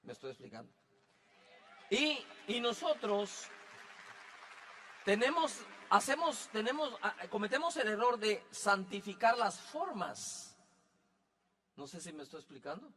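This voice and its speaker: A male pastor delivering a sermon in a high, ringing voice with a bright, forceful edge. He keeps it chatty and humorous, stopping again and again to check that his listeners follow along. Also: very animated, measured pace, long pauses, in a large hall. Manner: conversational, joking, keeps asking if he is understood.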